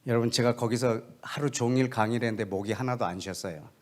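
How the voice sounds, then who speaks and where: A man preaching as a missionary, telling a story to his congregation in an animated way. He puts questions to the listeners directly and often sinks into a quiet, hushed voice for the tender moments. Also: mid-range voice, fast. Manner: animated storytelling, acting out dialogue, often dropping to a soft hushed tone. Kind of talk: storytelling sermon.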